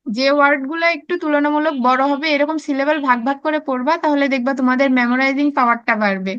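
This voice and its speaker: High-voiced Bangladeshi woman teaching preschoolers. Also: a bit bright, dull audio. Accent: Bangladeshi Bengali. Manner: slow drilled spelling, coaxing children to repeat. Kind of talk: classroom lesson, spelling aloud.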